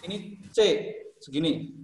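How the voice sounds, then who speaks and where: A man's voice: normal speed, darkish tone, slight background noise. A man teaching a school music class, explaining singing technique in an encouraging, joking way. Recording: echoey classroom.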